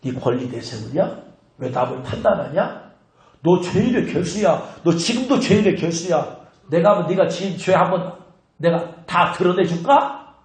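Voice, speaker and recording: A man preaching in a high, lively voice that swings up and down as he scolds and teases his listeners. The sound rings through a very echoey church hall. He talks straight at the congregation, like a pastor who knows them well. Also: normal speed. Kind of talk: sermon. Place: church sanctuary.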